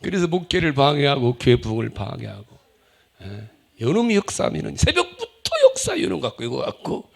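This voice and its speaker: A male pastor preaching a humorous, animated sermon, acting out the voices he quotes. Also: mid-range voice, fairly quick, creaky.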